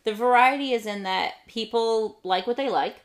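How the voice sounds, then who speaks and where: A woman in her thirties co-hosting a casual podcast chat about books, enthusiastic and chatty with quick asides. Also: fairly high pitch. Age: 30s. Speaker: podcast co-host.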